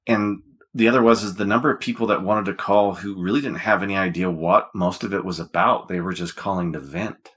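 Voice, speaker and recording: A man's voice: low-pitched, fairly even intonation, brisk, a bit bright, breathy edge. A man hosting a casual podcast chat, making his points emphatically and often checking for agreement. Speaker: podcast host.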